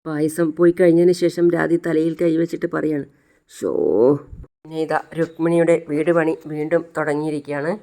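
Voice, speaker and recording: Female narrator, lowish voice, steady serial-recap storytelling. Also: a little fast. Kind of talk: retelling a TV serial episode.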